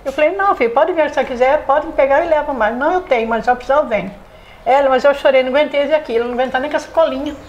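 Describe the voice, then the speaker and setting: A woman's voice: high-pitched, very fast, dull audio. An older woman from the São Paulo countryside of Brazil, with that region's accent, reminiscing in an interview and acting out past conversations in raised voices. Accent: São Paulo countryside Brazilian Portuguese. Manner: animated storyteller, acts out dialogue in raised voices. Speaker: honored longtime shop owner.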